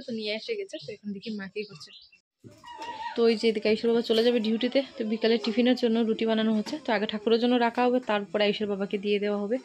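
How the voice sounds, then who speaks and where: Fast-talking chatty woman vlogger. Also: fairly high pitch. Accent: Sylheti-influenced Bengali. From Assam, India. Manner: chatty, addresses viewers as friends. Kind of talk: casual home vlog narration. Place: village home kitchen and yard.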